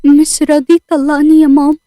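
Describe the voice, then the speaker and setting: Brief: a woman doing a proud young Egyptian wife, high and loud, fast angry lines. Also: level tone, dry recording, faint music behind, close to an everyday voice. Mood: tearful, bitter. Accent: Egyptian Arabic. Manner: heated, loud, pleading. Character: young wife, proud, furious, demanding divorce.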